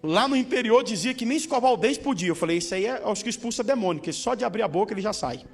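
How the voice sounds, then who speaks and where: A man's voice: high-pitched, animated, quick pace, vocal fry, soft background music. A male pastor preaching a sermon, joking and calling for responses from the congregation. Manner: humorous, with call-and-response to the congregation.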